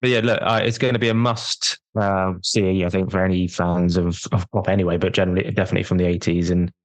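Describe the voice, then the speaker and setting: A male podcast host with a very deep voice, recorded dry and close. He asks his questions in a hesitant way, often restarting his words. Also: level tone, quick pace, no room sound. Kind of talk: casual interview.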